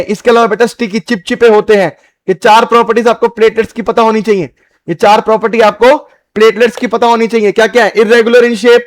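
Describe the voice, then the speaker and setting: A man's voice: high voice, no echo. A man lecturing on biology. He repeats each key point and keeps asking the students whether they got it. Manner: repeats key points, asks rhetorical check questions, calls students "beta". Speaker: biology teacher. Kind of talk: classroom lecture, drawing on a board.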